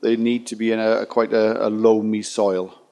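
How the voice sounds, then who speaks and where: A man's voice: fairly low pitch, little pitch movement, moderate pace, mellow. A man answering as an expert panellist with practical, unscripted advice.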